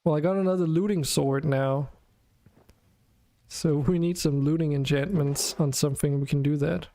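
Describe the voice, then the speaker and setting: A man's voice: on the high side, steady tone, normal speed, mellow. A man hosting a game stream, chatting casually and thinking aloud with some hesitation. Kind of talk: casual chat while playing a game.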